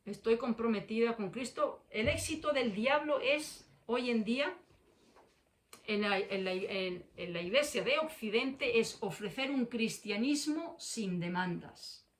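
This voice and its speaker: A woman delivers a fiery evangelical sermon in a slightly high voice. She hammers her points by repeating phrases and throwing confrontational questions at her listeners. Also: animated, a little slow. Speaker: preacher.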